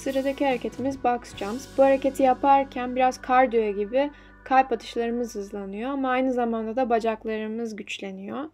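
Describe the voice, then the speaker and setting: Young woman, fitness vlogger, higher-pitched voice, chatty and instructive, soft music underneath. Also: fairly even intonation, moderate pace. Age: young adult. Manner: chatty, instructive, slightly self-deprecating. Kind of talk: casual explanatory voice-over.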